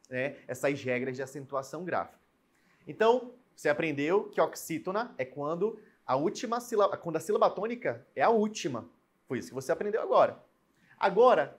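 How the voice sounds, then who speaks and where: A man's voice: on the high side, husky. A man teaching a recorded grammar lesson, explaining rules step by step and checking in with his students. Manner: explanatory, repeats and stretches out example words; checks in often with "né?" and "beleza?".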